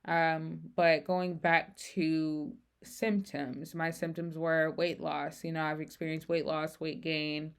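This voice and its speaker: A young woman with a low, smooth voice speaks off the cuff in a candid, personal vlog style. Her braces slightly affect her speech. She rambles along haltingly, but the tone stays clean and resonant. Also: flat delivery. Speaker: vlogger. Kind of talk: unscripted casual personal talk.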